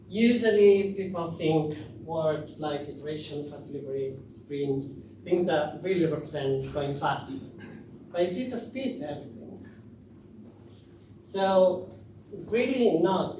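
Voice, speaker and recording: A man from Spain giving a conference talk, pausing often with fillers as he presents. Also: a little high. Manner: hesitant, many fillers. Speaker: conference speaker. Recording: echoey hall, distant mic, noisy.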